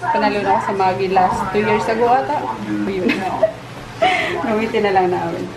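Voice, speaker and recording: A woman's voice: medium pitch, big pitch swings, moderate pace, a loud crowd. A woman chatting casually in a home vlog, playful and laughing, cooing baby talk at her dog. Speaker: vlogger. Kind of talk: casual family vlog chat. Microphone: handheld compact camera. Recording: noisy home camera audio.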